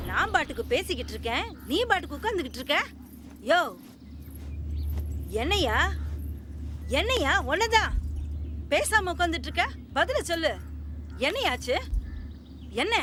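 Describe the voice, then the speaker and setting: A woman's voice: extremely high pitch, very noisy, heavily acted. An actress playing a nagging village woman who scolds her silent husband.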